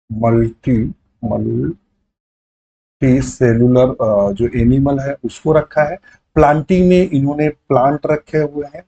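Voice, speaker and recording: A man teaching a biology exam-prep lecture, explaining terms slowly, repeating key words and pausing with fillers as he writes. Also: medium pitch, warm tone, highs cut off, slight background noise. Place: online class setting.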